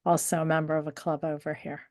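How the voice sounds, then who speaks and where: A woman's voice: deep voice, level tone, fast talker, darkish tone, no echo, studio quality. A woman introducing herself on a video call, friendly and matter-of-fact. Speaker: meeting participant. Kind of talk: self-introduction.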